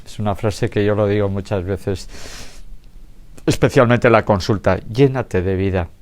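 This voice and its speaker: A man with a somewhat low voice gives a health lecture to an audience in a lecture room. He speaks in a relaxed, conversational way. He poses rhetorical questions and checks in with his listeners as he goes. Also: normal speed. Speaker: doctor giving a public lecture.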